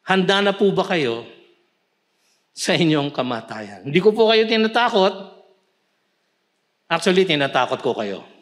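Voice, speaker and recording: A man with a Filipino accent preaching a sermon, mixing Tagalog with English scripture quotes and swelling into emphatic shouts. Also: a little high, big pitch swings, a little slow, long pauses. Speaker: pastor. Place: church.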